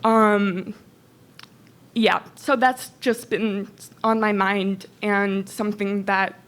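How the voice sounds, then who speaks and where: A woman's voice: mid-range voice, fairly even intonation, takes it slowly, a bit bright. A woman from El Salvador, an audience member, asking a long, reflective question at a public Q&A with many "um" and "like" fillers.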